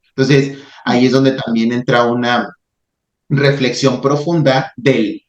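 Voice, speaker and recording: A man hosting a talk, speaking calmly and reflectively with frequent restarts. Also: medium pitch. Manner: calm, reflective, halting with restarts. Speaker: podcast host. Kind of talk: reflective spiritual talk and storytelling. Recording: roomy, slightly muffled recording.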